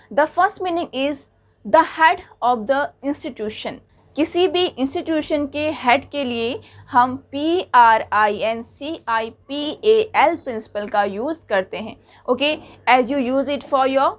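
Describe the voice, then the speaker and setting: A woman teaching English vocabulary, spelling out words letter by letter and switching between English and Hindi. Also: high-pitched. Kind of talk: bilingual vocabulary lesson.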